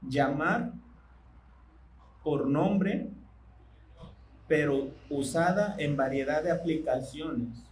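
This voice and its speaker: A man preaching a sermon in church, speaking conversationally and asking his congregation questions that he pauses to let them answer. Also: a little high, a little mellow, a little hiss or hum, rough recording.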